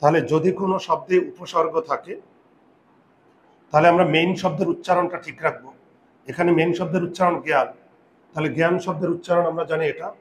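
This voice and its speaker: A man's voice: on the high side, steady tone. A man teaches a grammar lesson. He stretches out example words and keeps asking his students whether they follow. The room is echoey, with a faint hiss behind him. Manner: repeats rules, quizzes students with "বোঝা গেল?"; patient, drawn-out pronunciation of example words. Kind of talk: classroom lesson.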